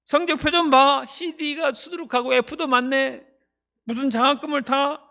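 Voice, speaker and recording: A man's voice: very high-pitched, fairly even intonation, unhurried, creaky, sharp tone, voice pushed up, full character voice. A man voicing a scornful male tempter who taunts a believer's weaknesses in a sermon. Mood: mocking.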